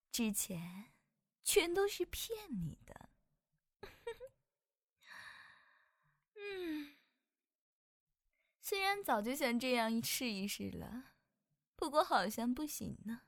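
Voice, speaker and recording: A clumsy young succubus trainee with a tsundere streak, as a woman acts her out, speaking in a very high, unhurried voice. She giggles and teases her way through the audio drama. The recording is close and dry. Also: no room sound, exaggerated voice. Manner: giggly and teasing. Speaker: voice actress.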